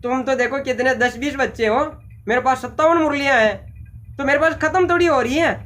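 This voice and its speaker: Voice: high voice, a little fast, a bit bright. A teacher voicing a cheerful male flute seller who patiently coaxes a crowd of eager children to wait their turn. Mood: coaxing. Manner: patient, coaxing, repeats himself.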